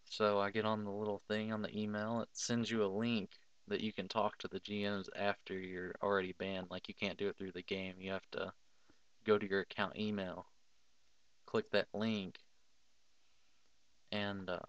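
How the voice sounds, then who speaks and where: A man's voice: on the low side, flat delivery, moderate pace, smooth, no room sound, dull audio. A young man giving casual, blunt advice over a screen recording, swearing freely and filling with "like".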